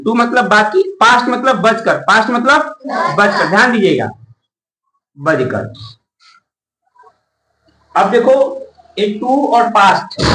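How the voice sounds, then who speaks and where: A guy with a high-pitched, slightly bright voice teaches a class, quizzing the kids with rhetorical questions and repeating what they answer. He slowly spells words letter by letter and calls out key words. The mic sits far away in an echoey room, with a little hiss or hum.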